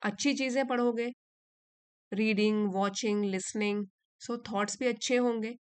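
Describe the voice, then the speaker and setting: Slow, patient woman teacher. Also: on the high side, fairly even intonation, clean tone, no room sound. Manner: slow, careful reading of English lines, then patient explanation. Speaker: English teacher. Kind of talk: explaining an English reading passage in Hindi.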